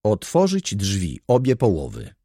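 A man's voice: fairly low pitch, wildly swooping pitch, a little slow, mellow, no echo, clean studio sound, heavily acted. A man voicing a pompous, self-important male valet who talks down to his masters and the maid. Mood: haughty. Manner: haughty, condescending, commanding.

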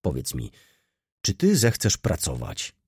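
A man's voice: rumbling low, huge pitch swings, measured pace, a little mellow, slightly rough, dry recording, studio quality, full character voice. A man voicing a brooding, stern middle-aged merchant who speaks in a grave, terse, commanding way.

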